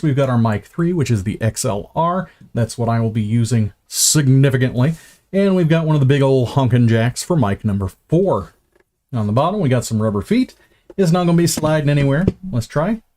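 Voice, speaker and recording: A man's voice: mid-range voice, expressive, a little fast, mellow. A man unboxing gear on a live stream, chatty and self-mocking, stumbling over words and starting lines again.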